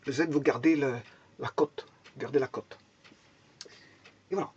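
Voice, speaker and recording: A man's voice: medium pitch, measured pace, darkish tone, husky, highs cut off. A man teaching a math and physics lesson, explaining step by step, thinking aloud, repeating words and restarting often, and asking and answering his own questions.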